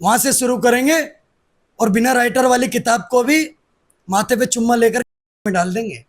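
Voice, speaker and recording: A man's voice: very high-pitched, normal speed. A man, speaking aggressively and defiantly as the guest in a heated political interview. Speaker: interviewee, activist.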